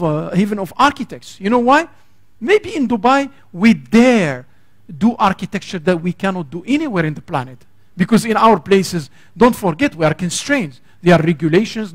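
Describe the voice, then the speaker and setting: Impassioned high-voiced male lecturer. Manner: impassioned, searching for words with many restarts. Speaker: guest lecturer. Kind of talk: academic lecture. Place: lecture hall.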